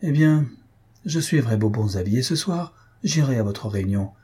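A man's voice: mid-range voice, expressive, normal speed, warm tone, husky. A man voicing an emotional young countess who pleads in a raised, lilting voice, read from a classic novel. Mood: weary. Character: young countess, tender, tearful, highly emotional.

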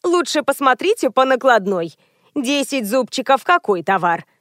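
A chatty know-it-all grandmother in a storybook reading, as a woman narrator puts her on. The voice sits high and lively, and it is recorded dry and close. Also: normal speed, no room sound. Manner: lively and talkative.

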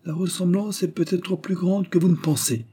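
A man's voice: mid-range voice, animated, normal speed, warm tone, breathy edge. A man reading an audiobook voices a scheming prince and police chief who speaks in a cold, ironic, cynical way.

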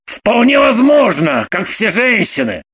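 An actor playing an excitable young man who bursts into shouts and pleads desperately. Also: high voice, unhurried, breathy edge, exaggerated voice. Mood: angry. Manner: loud, shouting outbursts.

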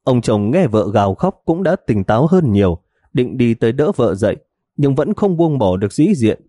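A male storyteller reading with lively, expressive storytelling. His voice is dark and mellow, and it rises and falls freely. The recording is close and dry. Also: medium pitch, normal speed, dry recording.

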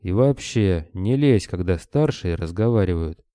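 Brash werewolf dude, voiced by a guy, blunt and pushy, deep and smooth. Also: animated, measured pace, warm tone, no echo, studio quality. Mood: eager. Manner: blunt, eager. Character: brash, eager young male werewolf.

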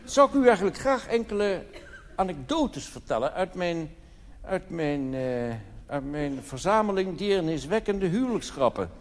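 On the stage of a big theatre hall, a cabaret comedian from the Netherlands spins anecdotes with mock solemnity and plenty of rhetorical questions. He speaks in a high, sing-song, unhurried voice, captured in an echoing live recording with background noise.

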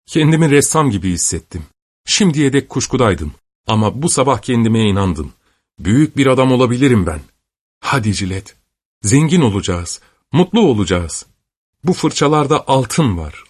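A man's voice: mid-range voice, normal speed, husky, voice pushed up. A man playing an impulsive young painter. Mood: elated. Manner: excited and fervent, declaring. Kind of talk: audiobook character reading.

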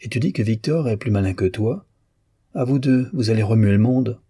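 A man's voice: fairly low pitch, moderate pace, mellow, slightly rough, no room sound, clean studio sound. A man voicing a wry, teasing male doctor who banters with a clever young man. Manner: bantering, ironic.

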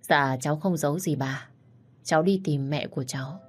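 A woman's voice: sits low, moderate pace, soft background music, lightly acted. A woman voicing a polite young grandson. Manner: polite, deferential.

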